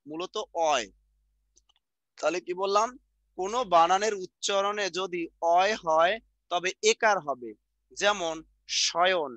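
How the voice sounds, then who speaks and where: Middle-aged man, high voice, dry close sound, drills and repeats. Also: sharp tone, no room sound. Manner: repetitive, drills sounds out slowly, asks the class questions. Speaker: teacher. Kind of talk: online exam-prep grammar lesson.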